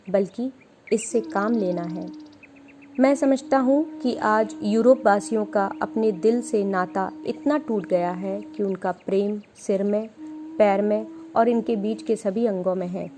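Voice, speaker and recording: A woman reading a spiritual talk as an audiobook, in a measured, reflective way. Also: mid-range voice, dark tone, slight background noise. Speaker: audiobook reader.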